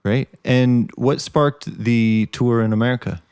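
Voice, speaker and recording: A man hosting a music podcast, introducing the episode and asking short, brisk follow-up questions. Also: medium pitch, fairly even intonation, darkish tone, smooth, dry recording. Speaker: podcast host. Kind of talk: podcast interview.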